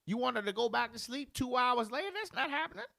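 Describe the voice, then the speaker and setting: A man's voice: extremely high pitch, expressive, fast talker, gravelly, sharp tone, dry recording. A man hosting a podcast in casual chat, blunt and profane, talking as a father of a preschooler. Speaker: podcast host.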